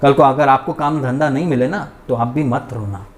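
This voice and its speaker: A man's voice: mid-range voice, normal speed. A man giving an indignant, ranting commentary monologue as a vlogger reviewing a show. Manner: indignant, ranting, mocking impressions.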